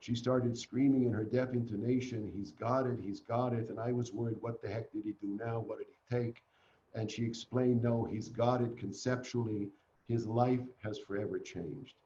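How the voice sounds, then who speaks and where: An older man from Canada, a guest in an online interview, telling a family story in an earnest, animated way. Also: medium pitch, moderate pace, echoey room, lo-fi sound, slight background noise.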